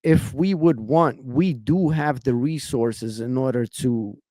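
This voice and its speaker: A man's voice: medium pitch, slow pace, mellow, dry recording. A young man from Ukraine hosts a podcast in a fired-up, persuasive way, leaning on "man" and "you know" as he builds his argument. His mid-range voice is recorded close and dry, with no room sound. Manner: impassioned, repeats "man" and "you know what I'm saying". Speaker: podcast host. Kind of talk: podcast interview.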